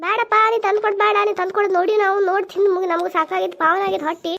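A woman's voice: very high-pitched, steady tone, gravelly, fairly bright tone, lo-fi sound, full character voice. A woman voicing a middle-aged village wife, who nags and complains about her drunkard husband in a cartoon comedy. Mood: scolding. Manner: nagging, complaining, quick scolding.

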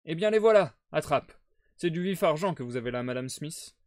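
A man playing a sharp, self-assured male detective, in a brisk, reasoning manner. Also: a little high, expressive, no room sound, studio quality, natural voice. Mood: coaxing.

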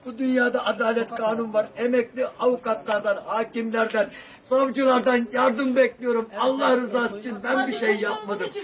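A distraught man with a strikingly high voice pleads desperately to a news camera, repeating his words and breaking into shouts. He stands well back from the mic outdoors. The audio is dull and muffled, with a faint hiss under it. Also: steady tone, normal speed, recorded from a distance. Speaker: protester.

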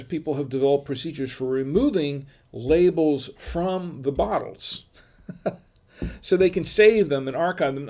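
A man's voice: mid-range voice, a little mellow. An older man from Florida hosting a home wine vlog, chatting in a rambling, digressive way with lots of fillers and chuckles, recorded on a webcam at his desk. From Florida, USA. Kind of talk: casual rambling livestream chat. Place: home room with wine bottle shelves.

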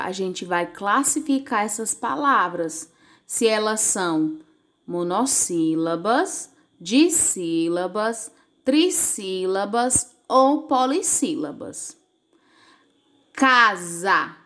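A woman teacher talks young pupils through a lesson at an unhurried, deliberate pace. Her voice sits in an ordinary middle register. She draws out words clearly so children can follow along. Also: medium pitch.

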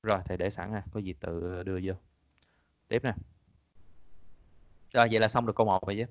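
A man's voice: lowish voice, fairly even intonation, a little fast, dry recording, lo-fi sound. A man teaching an online exam-prep class in a casual, chatty way, repeating his points and laughing often. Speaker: English teacher.

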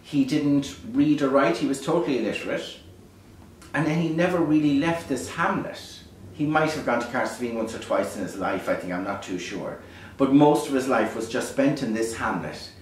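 A man's voice: medium pitch, lively intonation, moderate pace, heavy reverb. Man, Irish accent, lilting storyteller, reflective casual delivery, distant microphone, faint background noise. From Ireland. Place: beside a small fire in a dark stone hearth. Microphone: distant camera microphone.

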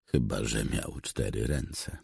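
A man reading an audiobook in a measured, scripted narration. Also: a bass voice, gravelly, darkish tone, breathy edge, no room sound, clean studio sound.

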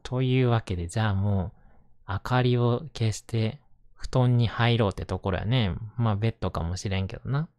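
Kansai guy doing cozy asmr bedtime talk, gentle n reassuring, close mic, super dry sound. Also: on the low side, fast, few pauses, dry recording. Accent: Kansai Japanese. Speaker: host reading bedtime picture books to listener.

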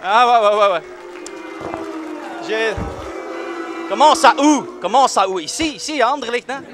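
A man playing a brash, swaggering, bigoted police officer in a live comic sketch, mocking and bursting into sudden shouts. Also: very high-pitched, expressive, unhurried, over music, a crowd in the background. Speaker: comedian at a live event. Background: faint audience in a room.

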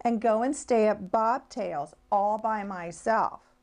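A woman voicing an eager little boy rabbit in a picture book, with a bright childlike delivery. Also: mid-range voice, slow pace.

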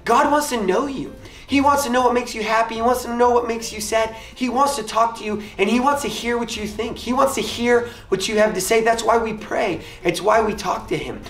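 A man's voice: very high voice, fairly even intonation, fairly quick, recorded from a distance, soft background music. A man who is a pastor giving an upbeat, earnest youth sermon talk to kids. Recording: echoey room, off-mic.

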